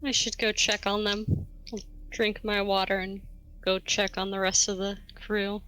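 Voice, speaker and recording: A woman playing a ship captain in a tabletop role-playing game, speaking in a calm, matter-of-fact way. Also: medium pitch, a little slow, poor audio. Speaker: player voicing the captain. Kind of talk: tabletop role-play in character.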